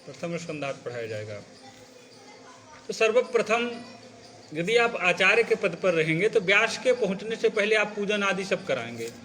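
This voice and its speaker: A man's voice: sits high, sing-song, normal speed, bright, forceful tone, a little hiss or hum. A man teaching a class how to recite sacred stories, explaining patiently and often checking that his students follow. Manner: patient, checks understanding with repeated questions; demonstrates phrasing by reciting example lines. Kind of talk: classroom lecture.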